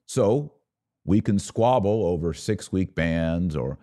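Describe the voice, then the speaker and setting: In a low, expressive and mellow voice, a religious podcast host addresses listeners the way a preacher would, earnestly urging them on with intentional repetition.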